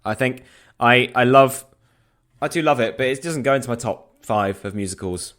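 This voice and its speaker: A man's voice: mid-range voice, normal speed, a bit bright. A young man co-hosting a podcast, enthusiastic and self-deprecating. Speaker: podcast co-host. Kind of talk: casual chat.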